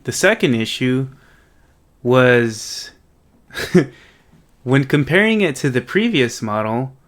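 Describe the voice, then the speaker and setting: A man's voice: mid-range voice, animated, slow pace. Casual man talking through a tech project. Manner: informal, thinking aloud, often checking in with "right?". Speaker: host of a coding project video series. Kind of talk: casual unscripted tech walkthrough.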